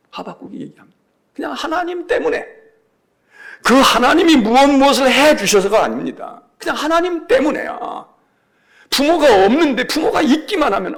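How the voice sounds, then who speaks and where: A man's voice: sits high, gravelly. A male senior pastor giving a Sunday sermon in a church, conversational and emphatic, repeating key phrases.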